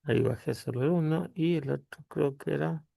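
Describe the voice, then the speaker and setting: Hombre de voz rasposa y grave. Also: male voice, fairly high pitch, mellow, no echo, clean studio sound. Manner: halting explanation, pausing with tag questions. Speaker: tutorial host. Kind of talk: screen-recorded software tutorial.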